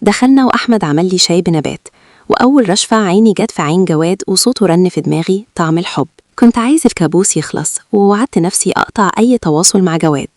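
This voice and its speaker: A woman with an Egyptian Arabic accent narrating a first-person story in a quick, even reading. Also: lowish voice, no room sound, clean studio sound.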